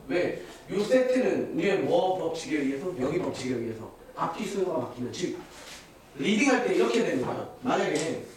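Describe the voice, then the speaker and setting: A man's voice: a little high, a little mellow. A man teaching a math class, quizzing his students and answering his own questions. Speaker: math tutor. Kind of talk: classroom lecture. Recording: echoey classroom, distant mic, hiss.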